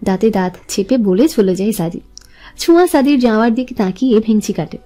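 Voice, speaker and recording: A woman storyteller reading a romance in a smooth, even narrating voice. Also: a little high, fairly quick, faint music behind.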